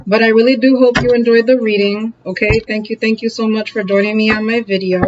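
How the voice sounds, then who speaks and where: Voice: medium pitch, flat delivery, fairly quick, dull audio, noisy background. A tarot reader giving a casual, encouraging reading to camera, laughing often and checking in with the audience as they go. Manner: chatty, keeps checking in with "okay?" and "all right?".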